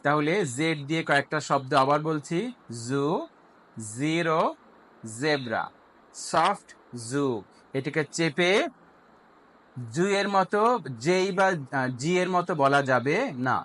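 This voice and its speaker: A man teaching English pronunciation, slowly drilling each letter sound several times over. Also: a little high, a bit bright, rough recording. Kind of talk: instructional lesson, drilling sounds.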